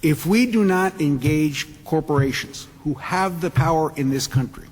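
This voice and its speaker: Puerto Rican man speaking in a reverberant hall. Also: fairly high pitch. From Puerto Rico. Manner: earnest, halting with restarts. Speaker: panelist. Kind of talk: symposium panel talk. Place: conference hall. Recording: long reverb of a large hall.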